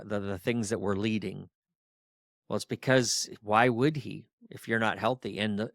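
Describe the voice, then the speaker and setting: Firm, exhorting low-voiced man. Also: fairly bright tone, no echo, clean studio sound. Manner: firm, exhorting, drill-sergeant tone; rapid-fire rhetorical questions. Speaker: podcast host and ministry coach. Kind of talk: podcast monologue.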